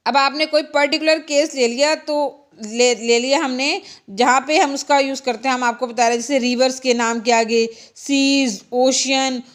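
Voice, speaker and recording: A woman teaching English grammar to children in Hindi. She reads English example sentences slowly, explains them, and asks questions that she answers herself. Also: high voice, steady tone. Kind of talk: bilingual classroom grammar lesson.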